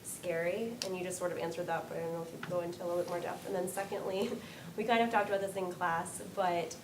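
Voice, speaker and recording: A woman's voice: lowish voice, steady tone, fast. A young woman student asking a question from the audience, tentative and hedging. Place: lecture room, far from the mic. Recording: distant, echoey room with noise.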